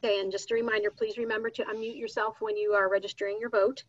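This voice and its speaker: A woman calling the roll at a formal board meeting over a video call, brisk and polite. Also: mid-range voice, little pitch movement, no echo. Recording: muffled video call audio.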